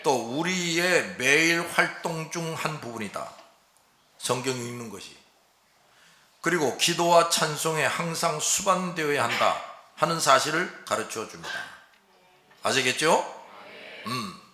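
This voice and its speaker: A male pastor delivers a Sunday sermon in a bright, forceful voice that swings lively up and down. He talks in a folksy way and keeps turning to the congregation with short rhetorical questions. The sound carries the roomy echo of a church sanctuary. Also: fairly high pitch, a little slow, pauses often.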